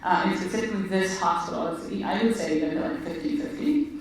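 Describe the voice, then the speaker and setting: An Israeli woman, a physician appearing as a guest in a conversation, tells her story in an earnest, reflective way. Her voice is fairly low and she talks fast. The recording comes from an echoey room with a distant mic and faint noise.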